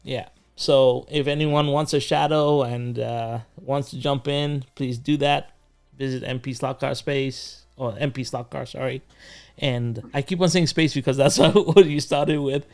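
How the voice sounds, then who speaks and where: A man's voice: mid-range voice, steady tone, a little slow, faint music behind. A man hosting a casual livestream chat, rambling with plenty of fillers and restarts. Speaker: host.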